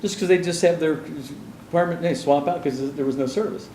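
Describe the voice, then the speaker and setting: A man's voice: a little high, a little fast, warm tone, echoey room, a little hiss or hum, rough recording. A man telling his life story in an interview, rambling through asides and acting out the people he quotes. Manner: meandering, many restarts and asides, acts out quoted people.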